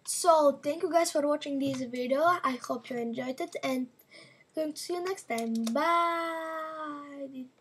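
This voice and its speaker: This gaming channel host keeps up loose, chatty commentary for her viewers during play. She speaks at a normal speed in a high-sitting voice, with a bit of hiss or hum in the background.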